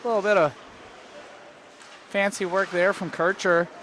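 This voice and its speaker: A man's voice: high-pitched, steady tone, moderate pace, a bit bright, a little hiss or hum. A man calling live play-by-play for an amateur hockey game, matter-of-fact as he follows the action. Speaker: play-by-play commentator.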